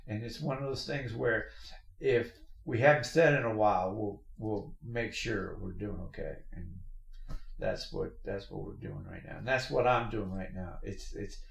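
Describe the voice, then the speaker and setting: A man's voice: fairly low pitch, normal speed, gravelly. A middle-aged man hosting a podcast, rambling through stories in a casual chat with plenty of restarts and laughs. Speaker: podcast host. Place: work shop with machines. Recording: roomy echoey shop recording.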